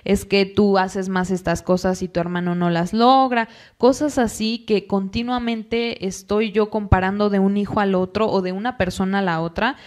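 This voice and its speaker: A woman, a psychologist guest in a podcast interview, explaining calmly and acting out short quoted asides. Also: medium pitch. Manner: calm, explanatory, acts out parents and children in quick quoted asides.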